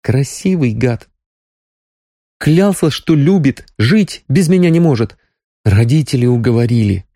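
In an audiobook, a tearful, spirited young woman doctor, as a male reader puts her on speaks in a raised, lively, swooping voice. Her tone stays mellow, and the recording is dry and close. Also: a little slow, no echo. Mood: bitter. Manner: raised falsetto-like voice, sobbing, emotional. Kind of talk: audiobook character reading.

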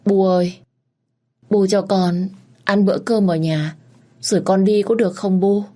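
A woman's voice: medium pitch, steady tone, unhurried, warm tone, voice pushed up, natural voice. A woman voicing a mistreated young daughter-in-law who pleads with her mother-in-law. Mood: pleading.

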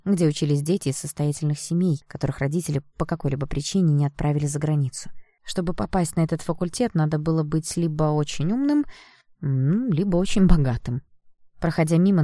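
A woman narrating a first-person audiobook in an expressive storytelling manner. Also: low-pitched, no echo, clean studio sound.

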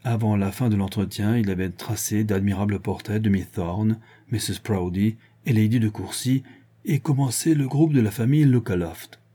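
A man reading a classic novel aloud in an even, measured way. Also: lowish voice, breathy edge. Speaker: audiobook reader. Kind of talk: scripted audiobook narration.

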